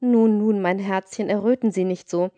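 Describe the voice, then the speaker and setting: A woman voicing a witty, corrupt, rich woman of about thirty who persuades smoothly, in an audiobook reading. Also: medium pitch, fairly even intonation, moderate pace, warm tone, no room sound, close to an everyday voice. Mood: persuasive.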